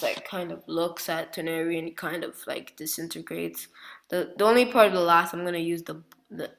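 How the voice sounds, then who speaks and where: A woman's voice: fairly low pitch, a bit bright. A woman casually retelling a fan-made story, rambling with lots of fillers and self-corrections. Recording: roomy echo.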